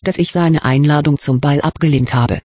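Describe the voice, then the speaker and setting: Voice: medium pitch, normal speed, a little mellow, no echo, clean studio sound, close to an everyday voice. A reader voicing a dismissive, cold-hearted teenage schoolgirl, in a storybook reading. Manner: cool, disdainful.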